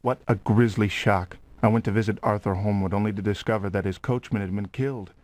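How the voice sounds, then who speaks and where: An actor playing a grave, formal gentleman investigator in a period horror game. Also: lowish voice, fairly even intonation, fairly quick, dry recording, lightly acted. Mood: shocked. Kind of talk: period game drama acting.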